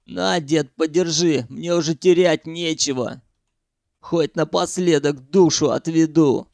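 A blunt, foul-mouthed underground hunter in an audiobook story, told in a male narrator's own gravelly voice. He mocks and taunts in a coarse, gritty tone, close and dry on the mic. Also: on the high side, steady tone, measured pace, darkish tone, no echo. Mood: scornful. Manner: coarse, mocking, swears freely. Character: rough, hot-headed male sewer hunter, blunt and crude.

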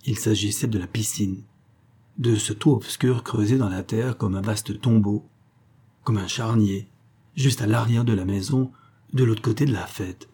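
A man reading a literary novel in the first person as an audiobook narrator, measured and reflective. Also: lowish voice, warm tone, slightly rough.

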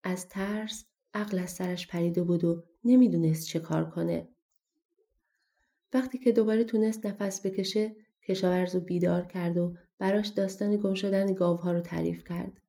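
Gravelly-voiced woman reading a storybook. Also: lowish voice, fairly even intonation, dark tone. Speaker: audiobook narrator. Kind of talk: storybook narration.

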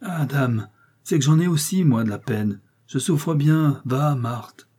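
Voicing a grieving old farmer in a storybook reading, a man pitches above his own natural voice, landing in a mid-range. He reads slowly and expressively, his husky voice straining upward as bitter, tearful grief breaks through over a dark, mellow base.

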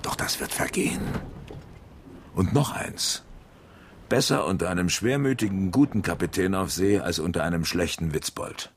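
An actor playing a gruff old sea captain who sternly warns a young man, in a radio play. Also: sits low, moderate pace. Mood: stern warning. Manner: stern, admonishing. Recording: noisy radio drama recording.

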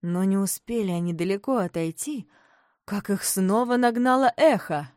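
A woman narrating a children's story with animated, expressive storytelling. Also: medium pitch, normal speed, no echo, studio quality.

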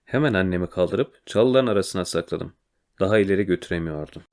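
A man narrating a children's storybook in a quiet, measured way. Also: low-pitched. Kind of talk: storybook reading.

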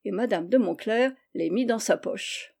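Woman audiobook narrator, steady and measured, mellow tone. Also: medium pitch, creaky, husky. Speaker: reader.

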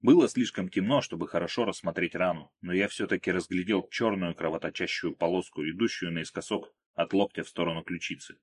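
A man's voice: low voice, brisk, hardly any pauses, husky. A man narrating an audiobook in the first person. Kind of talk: audiobook reading.

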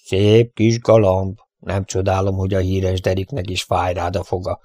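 A man's voice: lowish voice, fairly even intonation, darkish tone, dry recording, clean studio sound, natural voice. A man voicing a cruel, mocking bandit who threatens and sneers.

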